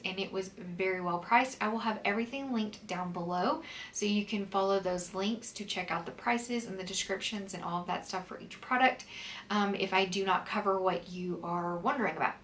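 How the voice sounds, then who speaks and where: A woman with a medium-pitched, slightly bright voice reviews skincare from home in winter, with snow outside. The recording is distant with a little background noise, and she sounds stuffy and sniffly from a cold. As a beauty vlogger, she chats casually and fills her talk with lots of "um"s and "like"s.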